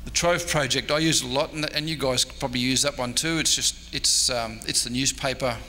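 With a medium-pitched, steady voice that is brisk and sharp, a sixty-something Australian historian gives a casual convention lecture and handles audience questions. He rambles, hesitant and self-deprecating. The recording comes from an echoey indoor meeting room with background noise.

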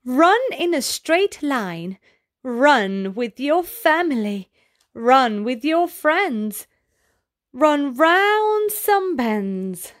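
A woman with a high voice reads a picture book aloud to little children in a very animated, expressive way. Her pitch swoops up and down in an exaggerated sing-song, and she takes her time at a slow storytelling pace.

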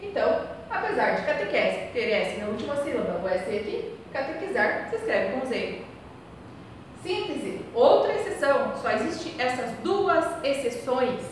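A woman's voice: sits high, sing-song, measured pace. A woman teacher giving a recorded class. She asks herself questions on the students' behalf, answers them, and spells out and repeats the key points. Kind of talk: recorded remote class lesson. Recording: echoey hall, voice far from mic, faint noise.

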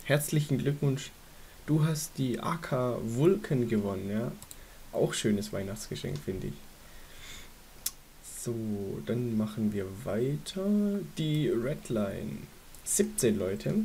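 Mellow-voiced young man, casual commentary. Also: mid-range voice, animated, slow, vocal fry. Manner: informal, chatty, thinking aloud. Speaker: gaming YouTuber hosting a giveaway draw. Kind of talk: casual screen-recording commentary. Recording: hissy home microphone recording. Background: faint hiss.

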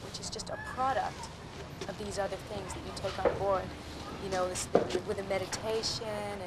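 A woman talking haltingly, with many restarts, about a way of life. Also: medium pitch, flat delivery. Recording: loud background noise.

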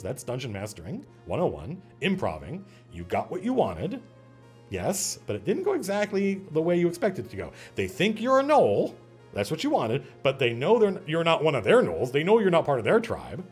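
A man hosting a casual stream about running tabletop games, talking in an animated, digressive way with frequent restarts. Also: medium pitch, normal speed, faint music behind. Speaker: host and game master. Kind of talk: casual livestream talk on game mastering.

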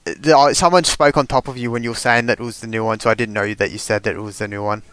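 A young man with a bright, forward voice trades crude jokes with his gaming friends over voice chat. He teases and rambles through long explanations at a mid pitch. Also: fairly even intonation, fast talker, clean tone, no echo. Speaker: gamer in voice chat. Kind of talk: casual gaming banter.

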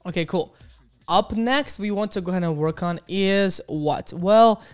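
In an unhurried, clear, resonant voice, a young man from Ukraine teaches coding live while faint music plays behind him. He chats with viewers as he types, upbeat and exclamatory, saying "boom" and "beautiful" over and over. He works from a small home studio using an arm-mounted studio mic and headphones.

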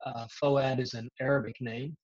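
A man's voice: mid-range voice, level tone, normal speed, a little mellow. A man around sixty with a slight Southern US accent, a pastor telling his personal testimony in an earnest, casual way with frequent fillers, talking from his living room on a video call with earbuds. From Israel. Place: home living room, indoors. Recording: dull lo-fi video call audio.

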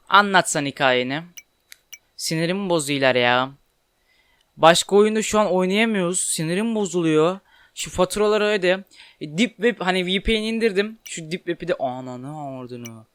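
A young man giving casual commentary while playing a game, chatty and quick to get frustrated and swear at it. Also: a little high, bright, forceful tone, clean tone, no room sound, studio quality. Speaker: gaming YouTuber. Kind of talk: casual Let's Play commentary.

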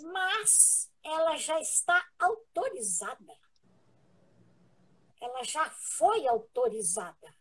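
Appearing as a guest on a live interview, this Brazilian Portuguese-accented woman shares something personal in a sincere, stop-and-start manner full of restarts. She has a high voice, and the recording is low in quality.

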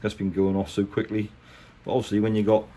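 A fast-talking man with a warm, lowish voice and a completely flat delivery explains a hands-on job in casual, plain-spoken, colloquial terms. He has an English accent and is a boat restorer presenting a how-to. The recording is handheld in a workshop, with clear background noise.

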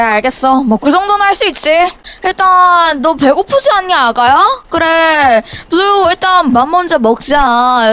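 Very high-pitched, lively woman gamer. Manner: exclaiming, fussing over a baby character. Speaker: game YouTuber host. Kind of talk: playful game role-play commentary.

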